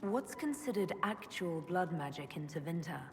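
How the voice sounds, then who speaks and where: A calm, inquisitive fantasy game heroine. Her voice sits fairly low, with measured, direct phrasing. It sounds in a reverberant hall with clear ambient noise behind. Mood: calm, curious. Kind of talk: video game dialogue acting.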